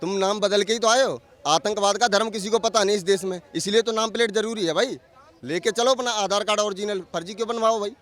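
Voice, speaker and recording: A man answering a street interviewer outdoors, forceful and indignant, firing rhetorical questions. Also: high voice, fast. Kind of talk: heated street vox pop.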